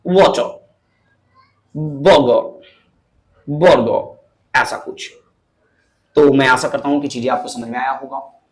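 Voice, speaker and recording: A man teaching English pronunciation in a lesson, repeating words slowly and calling the viewers brother and friend. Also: mid-range voice, level tone, poor audio. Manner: slow, repetitive, addresses viewers as brother and friend.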